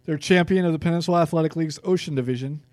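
A man's voice: fairly high pitch, rapid-fire, no room sound. A man with a Californian accent co-hosting a sports podcast, chatting casually and reading out team records. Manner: reads stats, relaxed and conversational.

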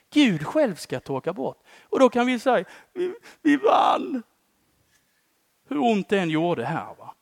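The preacher's voice sits on the high side, and his conversational sermon is full of questioning "va?" tags, alternating loud emphasis with quiet phrase endings. It's recorded at studio quality with no echo.

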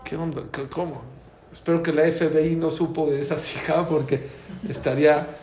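A man with a Mexican accent telling a story in a talk, acting out the dialogue with lively changes of voice. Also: fairly high pitch, normal speed, slight background noise. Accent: Mexican Spanish. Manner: animated, acts out quoted dialogue. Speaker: speaker giving a talk. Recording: echoey room.

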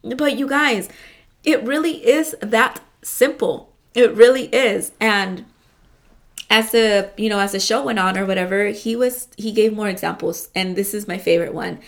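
A woman's voice: mid-range voice, moderate pace. A woman hosting a casual motivational talk, rambling with lots of fillers and frequent swearing, often calling her listeners "you guys".

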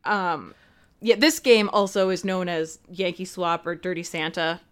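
A woman's voice: lowish voice, unhurried, fairly bright tone, smooth. A woman co-hosting a podcast, chatting casually and very informally with colloquial phrasing. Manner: informal, peppered with "like" and "you know". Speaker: podcast co-host. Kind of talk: casual chat.

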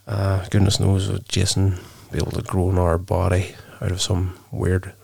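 A man's voice: deep voice, completely flat delivery, normal speed, darkish tone, no echo. A man hosting a casual solo movie podcast, thinking aloud hesitantly, with a wheezy, chesty voice that sounds sick and just woken up. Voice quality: wheezy, gravelly. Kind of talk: casual solo podcast talk, rambling film review.

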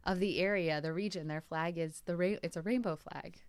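Speaking fairly quickly in a lowish voice, a female podcast co-host chats and rambles with plenty of fillers and laughs. There's a slight hiss or hum in the sound.

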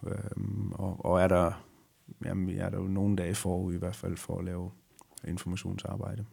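A middle-aged man, a former rally driver, answering interview questions slowly and reflectively, often pausing to find his words. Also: low voice, level tone, vocal fry, dark tone, breathy edge. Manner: slow, reflective, halting. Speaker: retired rally driver as guest. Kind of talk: conversational interview.

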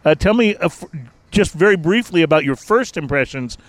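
A man's voice: on the high side, lively intonation, a little fast, no echo. An American man hosting an unscripted talk show in a chatty, upbeat way. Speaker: podcast host. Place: outdoor restaurant terrace.

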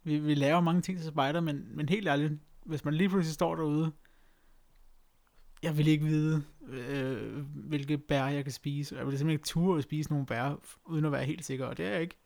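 A man with a slightly raised pitch and plenty of vocal fry. He chats casually as a co-host, understated and matter-of-fact, with a dry sense of humour. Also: steady tone, darkish tone. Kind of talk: casual chat.

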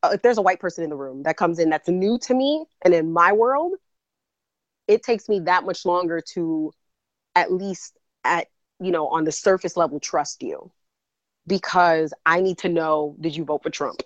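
A woman's voice: lowish voice, moderate pace, no room sound, dull audio. A woman co-hosting a podcast, talking candidly and reflectively in casual chat, laughing often. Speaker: podcast co-host.

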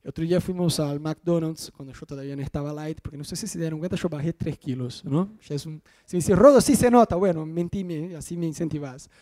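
A middle-aged pastor with a Rioplatense Spanish accent preaches, moving between personal anecdotes and Bible verses. His voice is high for a man yet dark and mellow rather than sharp, and he speaks a little fast with hardly any pauses. Animated and jokey, he keeps asking the congregation whether they're following him.

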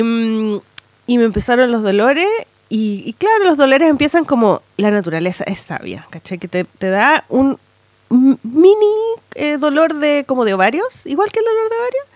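Chatty Chilean woman, higher voice, dry sound. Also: normal speed, no room sound. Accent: Chilean Spanish. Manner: animated storytelling with lots of slang tags. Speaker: podcast co-host. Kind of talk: casual chat.

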